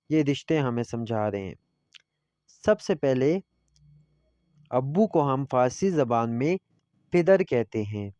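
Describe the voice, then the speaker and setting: A man's voice: medium pitch, dark tone, no room sound. Man teaching Persian, muffled recording. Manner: reads Persian phrases slowly, then explains them in Urdu. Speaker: language teacher. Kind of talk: classroom lesson explanation.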